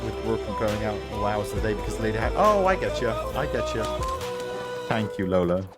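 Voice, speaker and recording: A man's voice: fairly low pitch, brisk, loud music behind the voice. A British man streaming a war video game live, joking and chatting with his viewers as he plays. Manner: joking, chatty, reads chat aloud.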